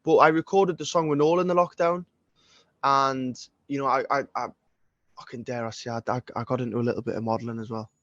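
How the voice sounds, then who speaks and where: A man's voice: mid-range voice, fairly even intonation, a little fast, a bit bright, no room sound, muffled recording. A man in his twenties with a Geordie accent, a singer-songwriter talking as a podcast guest in a casual, rambling way, full of swearing and restarts. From Northeast England. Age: 20s.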